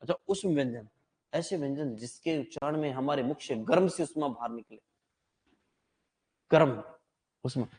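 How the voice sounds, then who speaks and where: A man's voice: medium pitch, moderate pace, long pauses, a little mellow. A man teaching a class, chatty and teasing, quizzing his students on how letters are said. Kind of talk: joking classroom lecture. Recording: long hall reverb.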